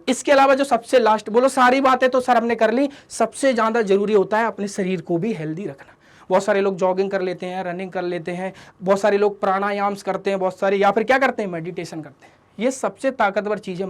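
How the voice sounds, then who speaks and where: Guy teacher doing a study motivation talk, talks fast, scolds kids kinda fatherly, tosses in english phrases. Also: high voice. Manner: scolding and fatherly, addresses listeners as "beta", asks rhetorical questions; mixes English catchphrases into the lesson.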